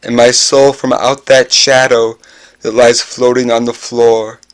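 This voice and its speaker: A man in his thirties recites gothic horror poetry with melodramatic intensity. His delivery is slow and deliberate, at a middling pitch, captured on a camera in a living room. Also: flat delivery. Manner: melodramatic, intense, swinging from hushed to shouted. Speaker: performer reciting a poem. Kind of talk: theatrical dramatic recitation of gothic horror verse. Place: carpeted basement living room with low tiled ceiling.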